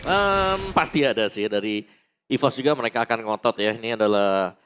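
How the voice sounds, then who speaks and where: A man's voice: fairly low pitch, a little fast, a bit bright, clear, resonant tone, soft background music. A man with an Indonesian accent giving analytical esports caster commentary on a match.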